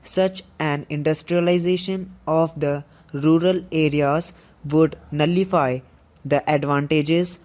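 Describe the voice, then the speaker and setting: A man reading a scripted dictation for shorthand practice, in a deliberate, measured way with pauses between phrases. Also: a little high, darkish tone.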